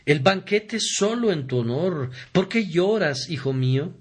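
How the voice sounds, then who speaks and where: A gentle, loving old father, as a man reads him. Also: a little high, lively intonation, measured pace, breathy edge. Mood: tender. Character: loving, gentle older father comforting his son.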